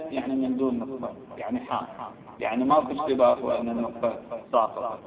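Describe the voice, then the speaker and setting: A man teaching a religious text, reading it out line by line, spelling out letters and vowels and repeating words as he explains. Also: on the high side. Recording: tinny phone-like line, echoey room.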